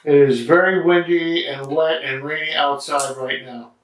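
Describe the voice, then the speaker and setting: A man reviews things in a chatty, halting way, stopping often on fillers. His voice sits a bit high. He is indoors in a study, a little back from the mic, and the room echoes strongly around him. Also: steady tone, a bit bright, recorded from a distance. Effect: strong room echo. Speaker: cigar and drink reviewer. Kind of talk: casual vlog review.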